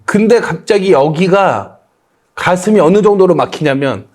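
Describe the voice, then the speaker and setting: A man's voice: high-pitched, moderate pace. A man in casual chat, telling an emotional personal testimony and acting out his prayers and bits of hymns. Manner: animated storyteller who acts out his own prayers and sings hymn lines. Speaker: guest comedian sharing testimony.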